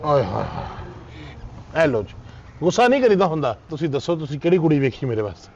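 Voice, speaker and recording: A man plays a cheeky, boastful young bachelor from a village who speaks. He talks fast in a fairly high voice, with faint noise in the background. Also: very animated, darkish tone, lo-fi sound. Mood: coaxing. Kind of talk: comedy skit acting.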